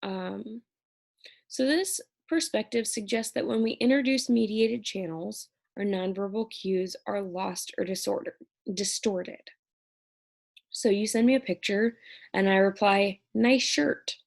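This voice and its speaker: A woman's voice: medium pitch, a little slow, gravelly, darkish tone. A woman instructor talking through an exam review lecture in a conversational way, checking in often with "right?".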